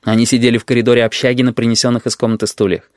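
A man narrating an audiobook in a calm, measured way. His voice sits at a middle pitch. It is recorded close and dry, with no room sound. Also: no echo.

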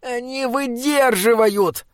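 Small bossy troll, stilted odd phrasing, squeaky high voice, dry close sound. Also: male voice, big pitch swings, normal speed, dry recording. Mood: urgent. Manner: stilted, oddly worded speech. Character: small earnest male troll guardian, bossy.

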